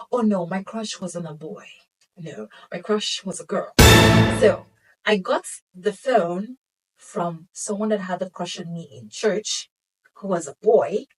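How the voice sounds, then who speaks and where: Animated young woman telling a storytime. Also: on the low side, measured pace, husky, far from the mic, soft background music, low-quality recording. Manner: animated, laughing, swings between whispers and exclamations. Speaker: vlogger. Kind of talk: casual storytime.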